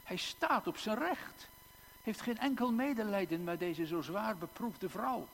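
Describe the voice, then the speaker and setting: A male pastor preaching a sermon in a church, slow and emphatic, with long dramatic pauses and repeated words. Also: high voice, animated, vocal fry, a bit bright. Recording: echoey church hall, faint hum.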